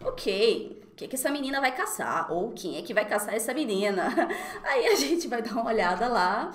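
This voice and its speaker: Laughing frequently, a Brazilian woman from Recife teaches French in an animated live session, carefully slowing her pronunciation of French words. She speaks with a Brazilian Portuguese accent and a slightly high voice, in an echoey room.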